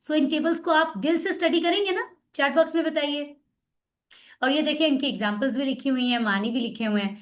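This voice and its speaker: A woman's voice: sits high, fairly quick. A woman teaching an online class, drilling words aloud and explaining patiently over a video call.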